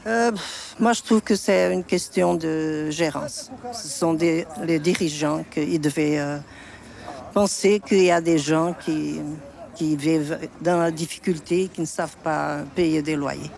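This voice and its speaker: A woman's voice: low-pitched, measured pace, vocal fry, a little mellow. An older woman of Portuguese origin answering interview questions in a frank, plain-spoken way. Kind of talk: street interview.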